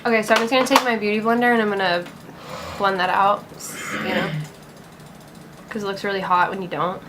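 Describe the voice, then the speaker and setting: A woman's voice: mid-range voice, fairly even intonation, a little fast, background noise. A young woman talking casually through a makeup tutorial, upbeat and chatty, full of "like" and "gonna". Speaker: beauty vlogger.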